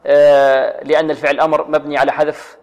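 A man teaching Quran recitation rules, drilling letters slowly and asking rhetorical questions. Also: fairly high pitch, little pitch movement, in a large hall. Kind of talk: tajweed lesson with call-and-repeat drills.

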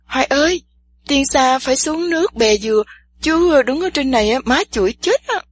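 A woman voicing a shy young village girl, soft and teasing. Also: high-pitched, normal speed, slightly rough. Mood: pleading.

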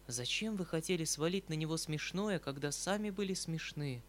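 A man's voice: fairly high pitch, normal speed, slight background noise, lightly acted. A man reading aloud, voicing the lines of an earnest, proud young woman in a scripted audiobook narration. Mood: stern.

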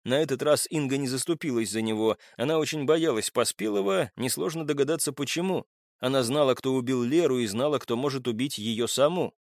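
A man narrating an audiobook in an expressive, scripted reading on a close mic. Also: medium pitch, brisk, no echo.

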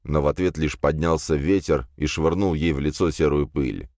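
A man narrating a fantasy audiobook with expressive storytelling. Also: extremely low pitch, moderate pace, dry recording, studio quality.

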